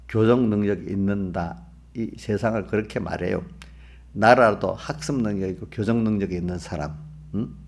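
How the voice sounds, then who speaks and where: A man's voice: fairly low pitch, vocal fry, darkish tone, a little hiss or hum. A male pastor giving an early-morning sermon to his congregation. He talks in a conversational way, often asks his listeners questions, and acts out the inner voices of believers. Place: church.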